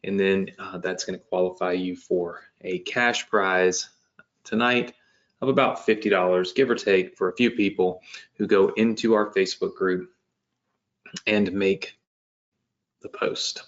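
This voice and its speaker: A man in his late thirties hosts a live business webinar from a webcam setup at his home desk. His voice sits low and steady, a little slow, and his casual live-stream talk is loose, full of fillers and restarts, with lo-fi sound.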